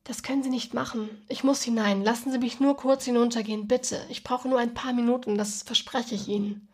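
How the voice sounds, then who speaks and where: A woman reading the lines of an old man with a cane, soft and dark-voiced, politely pleading. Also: on the high side, fairly even intonation, a little fast, breathy edge.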